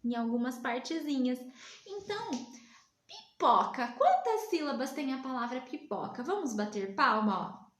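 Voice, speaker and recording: A woman from Brazil teaching young children, patient and drawing her words out slowly. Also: high voice, animated, reverberant. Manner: slow, patient, drawn-out words for small children. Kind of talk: remote lesson for young children.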